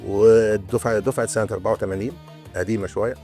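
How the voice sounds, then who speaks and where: A man in his sixties with an Egyptian Arabic accent, a retired antiquities restorer explaining his craft in a casual interview, often pausing and restarting mid-sentence. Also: on the low side, steady tone, mellow, faint music behind. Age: 60s. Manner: storytelling, explaining with many hesitations and restarts.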